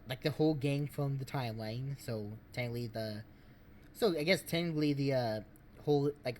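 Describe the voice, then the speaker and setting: A man's voice: on the high side, a little mellow. Guy on a stream rambling about a game plot, keeps restarting his sentences, faint hiss behind him. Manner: rambling, halting explanation. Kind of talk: casual game commentary.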